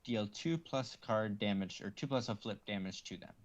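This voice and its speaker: A man commentating a card game stream, explaining plays in a measured, slightly hesitant way. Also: lowish voice, muffled recording.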